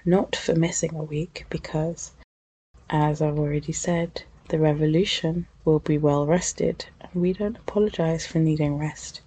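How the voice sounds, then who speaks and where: A woman hosting a reflective podcast, talking thoughtfully and candidly in a husky, croaky voice while she has a cold. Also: low voice, steady tone, unhurried. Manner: thoughtful and candid, soft breathy delivery in places. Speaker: podcast host.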